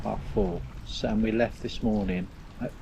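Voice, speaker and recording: A man's voice: on the low side, steady tone, moderate pace, creaky, mellow, slight background noise, low-quality recording. A middle-aged man, giving wry running commentary on a motorbike ride. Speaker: motorcycle vlogger. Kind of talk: casual chat while riding.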